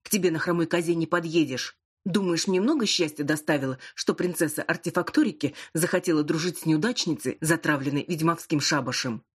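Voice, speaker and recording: A woman reading an audiobook, voicing a teasing, sharp-tongued young woman friend. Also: low-pitched, fairly quick, breathy edge. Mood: bitter resentful. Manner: mocking, cheeky, then bitter. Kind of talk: audiobook character voice.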